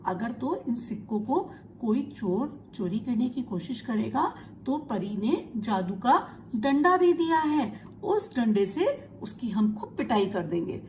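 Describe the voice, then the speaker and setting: Simple village man, woman doing the voice, loud, shouting, excitable, high raised voice. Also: slow, noisy background, full character voice. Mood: excited boasting. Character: simple, bold village man with a magic stick.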